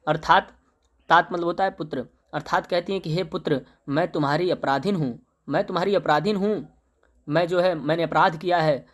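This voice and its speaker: A young male teacher goes through a poem line by line, reciting each verse slowly before paraphrasing it in plain speech with fillers. His voice is a little high.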